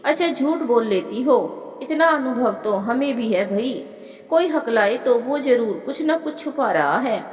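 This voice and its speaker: Lady reading a kind coaxing young wife in a storybook, bit high pitched, roomy echo. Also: animated, a little slow. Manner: gentle, reassuring. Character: caring young married woman, friendly and coaxing. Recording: echoey room with long reverb.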